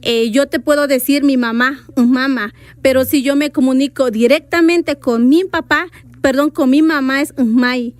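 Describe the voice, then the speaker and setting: A woman's voice: sits high, moderate pace, no echo. A woman whose first language is Zoque, a radio guest patiently explaining her language and spelling words out. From Veracruz, Mexico. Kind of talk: radio interview, explaining writing rules.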